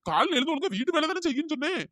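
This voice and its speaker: A high, squeaky cartoon husband, as a voice actor puts him on, grumbling and scolding at a rapid pace. He turns fawning and pleading, and his pitch-shifted voice sits close and dry. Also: very animated, a bit bright, no echo. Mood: exasperated. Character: tall husband, exasperated and bickering. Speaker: cartoon character. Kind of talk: comic cartoon dialogue.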